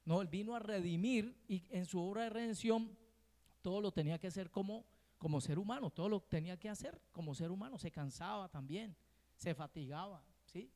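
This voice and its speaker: A man's voice: high voice, a little fast, warm tone, in a large hall. A man preaching a sermon as pastor, often checking in with the congregation with short questions. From Colombia. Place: church hall.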